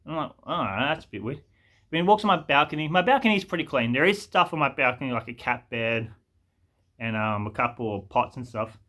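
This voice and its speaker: A man tells a story in a loose storytime monologue. His voice is bright and forward, and he rambles along, stumbling and restarting with plenty of fillers. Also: mid-range voice, fast. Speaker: vlogger telling a story.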